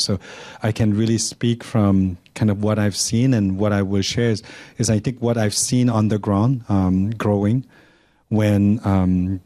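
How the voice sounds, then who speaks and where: A man in his forties, born in Cambodia and raised in Canada, giving measured opening remarks on a panel with many fillers and restarts into a handheld microphone in a lecture room. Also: on the low side, mellow, dry recording. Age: 40s. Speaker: panel speaker.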